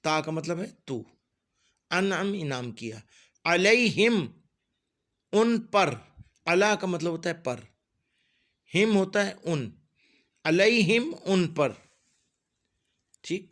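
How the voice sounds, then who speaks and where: A middle-aged man teaching a Quran lesson, reciting each word slowly and drawn out, then explaining its meaning in a quick, plain way. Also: a little high, lively intonation.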